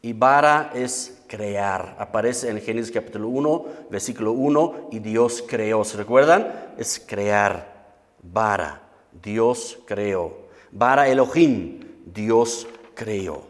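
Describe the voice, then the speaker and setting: A man preaching a Bible teaching, explaining patiently and often checking with his listeners, reading scripture slowly and with emphasis. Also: fairly low pitch. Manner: explanatory, asks the audience often. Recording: reverberant hall.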